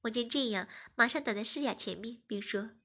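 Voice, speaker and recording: A woman reading a story aloud in soft, even scripted narration. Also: a little high, brisk. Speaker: story reader.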